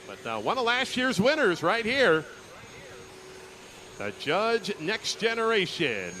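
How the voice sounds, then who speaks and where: Guy calling a tractor pull live, highish punchy voice, bit of outdoor engine noise behind. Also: big pitch swings, slow, pushed and bright. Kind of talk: live sports commentary. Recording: noisy outdoor event with vehicles.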